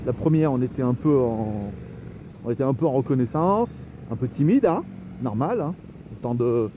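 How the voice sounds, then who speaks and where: Chatty French man riding into loud wind. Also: mid-range voice, lively intonation, normal speed. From France. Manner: chatty, rambling, laughs often. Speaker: motovlogger. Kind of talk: casual riding commentary. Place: on a motorbike on the open road. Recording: phone-like sound, loud wind noise.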